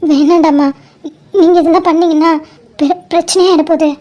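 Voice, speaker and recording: A woman voicing a gentle, timid, long-suffering sister-in-law in an animated cartoon, speaking softly and hesitantly. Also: extremely high pitch, fairly quick. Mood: worried.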